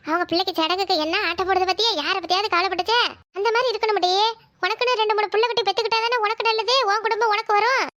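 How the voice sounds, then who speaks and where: A woman's voice: very high-pitched, bright, forceful tone. A woman voicing a scheming, bossy village sister-in-law in a cartoon, scolding and conniving. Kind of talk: cartoon voice acting.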